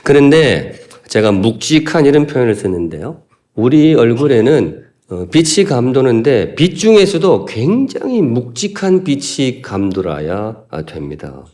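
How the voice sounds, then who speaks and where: Preaching at a measured pace, this pastor from Gyeongsan in North Gyeongsang, South Korea, sounds very animated, with a medium-pitched, dark-toned voice. His sermon is folksy and funny, and he puts questions to the congregation.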